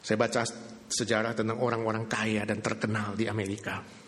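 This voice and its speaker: A man's voice: on the low side, level tone, a little fast, fairly bright tone. A male preacher telling a story in a sermon, dramatic, questioning his listeners and building on repetitions, in a hall with long reverb.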